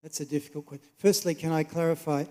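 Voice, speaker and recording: In a reverberant hall, a man with a mellow, fairly high voice presents an academic talk. He explains things in a measured, polite way. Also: steady tone. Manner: measured, polite, checks on listeners. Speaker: conference presenter. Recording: echoey hall with long reverb.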